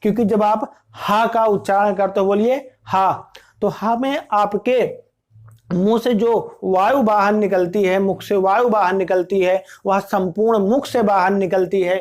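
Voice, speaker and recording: A man giving an online exam-prep lecture as a teacher. He asks his own questions, answers them at once, and repeats sounds slowly to show how they are said. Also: high-pitched, fairly even intonation, darkish tone.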